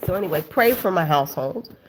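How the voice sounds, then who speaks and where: Fast, expressive, and fairly low-pitched, this woman in her thirties hosts a casual talk for her viewers over some background noise. A cold leaves her stuffy and sniffly, and her loose, chatty delivery is packed with "like" and "um" as she calls her audience family.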